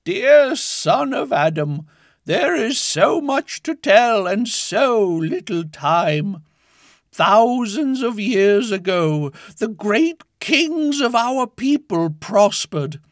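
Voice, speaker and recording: Mystical animal oracle: prophetic trance delivery, grave and portentous, extremely slow, widely swinging pitch. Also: male voice, dry recording, clean studio sound, heavily acted. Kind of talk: scripted animated fantasy storytelling.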